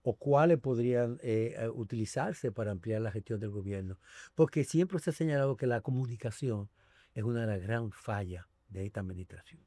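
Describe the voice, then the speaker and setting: A male talk show host asks long, rambling questions, pausing and restarting as he goes. His voice is mellow and warm, and the recording is close and dry. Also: mid-range voice, dry recording. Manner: conversational, long questions with hesitations and many sí, sí. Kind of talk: political talk show interview.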